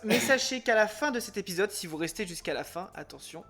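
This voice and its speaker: A man's voice: high voice, lively intonation, a little fast, sharp tone. A man co-hosting a casual podcast, telling stories in a jokey way and often laughing. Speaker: podcast co-host.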